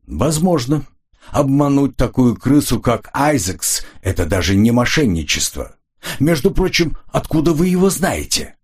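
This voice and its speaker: A man's voice: medium pitch, very animated, unhurried, a little mellow, breathy edge, pitched above the performer's own voice. A man doing a sullen, curt ex-agent. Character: curt, defensive former agent turned swindler.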